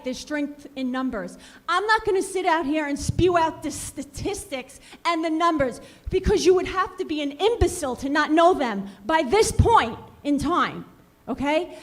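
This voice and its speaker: A woman in her forties, a parent giving impassioned public comment at a school board meeting, confrontational and scolding, firing off rhetorical questions into a podium microphone. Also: high-pitched.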